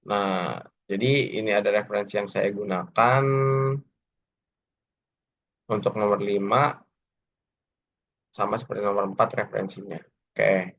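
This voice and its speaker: A man's voice: lowish voice, gravelly, fairly bright tone, lo-fi sound. A young man giving a recorded student presentation, reading from slides with many hesitant fillers.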